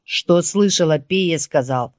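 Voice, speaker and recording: A woman voicing a gruff, angry young husband who barks harsh orders in a dry recording. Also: deep voice, measured pace, a little mellow, dry recording. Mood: commanding.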